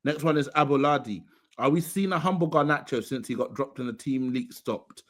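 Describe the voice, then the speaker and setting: A man's voice: mid-range voice, a little fast. A young man hosting a football podcast, casually reading out listener questions and joking with his co-hosts. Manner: laid-back, reads out questions then jokes around. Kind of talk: casual chat.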